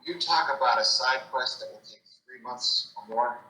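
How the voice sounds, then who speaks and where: A man's voice: medium pitch, normal speed, pushed and bright, roomy sound, low-quality recording. A man playing a tabletop game, talking bluntly and insistently. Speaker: player. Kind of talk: casual tabletop game talk.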